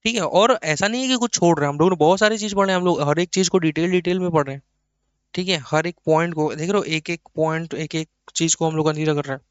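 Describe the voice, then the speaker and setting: A man's voice: a little high, fast, clean tone, dry recording, dull audio. A man teaching an accounting lecture in a chatty way, talking to students as kids and acting out their questions himself. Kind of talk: online lecture.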